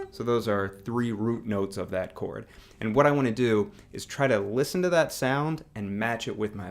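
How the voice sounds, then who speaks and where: A man teaching singing with a guitar, explaining in a relaxed, casual way, with guitar playing under his voice. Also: fairly low pitch, vocal fry. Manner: relaxed explaining, demonstrating on guitar, hums along with notes. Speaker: music teacher.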